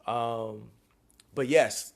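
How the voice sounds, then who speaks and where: A man with a steady, mid-range voice and vocal fry draws out his words while reading and answering viewer questions on a live stream. His casual chat is laid-back and full of slang.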